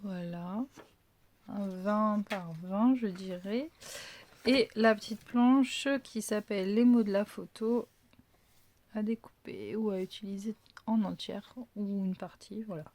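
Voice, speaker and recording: A woman presents a scrapbooking box in a relaxed, slow walkthrough. She hesitates often, fills gaps with little sounds and apologetic asides, and corrects herself as she goes. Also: medium pitch. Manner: hesitant, thinking aloud with many fillers. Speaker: craft video host. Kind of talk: casual unboxing walkthrough.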